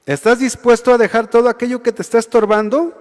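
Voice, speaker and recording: High-voiced Mexican pastor in a reverberant hall. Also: male voice, fairly even intonation, fast talker, a little mellow. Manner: conversational, keeps asking the listeners for agreement. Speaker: youth pastor. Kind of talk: sermon. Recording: long reverb of a large hall.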